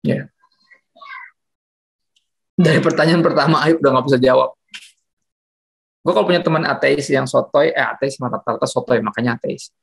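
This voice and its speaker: A male pastor gives a loose, joking sermon in a church. His voice is gravelly and a little husky. He tells stories in an animated, chatty way. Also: mid-range voice. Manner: slangy, joking, animated storytelling. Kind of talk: casual sermon.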